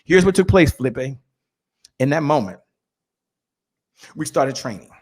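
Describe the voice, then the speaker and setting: A man giving an energetic motivational talk as a guest on a video call, leading the listeners in chanted call-and-response. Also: fairly high pitch, a little slow. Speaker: guest speaker. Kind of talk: motivational speaking.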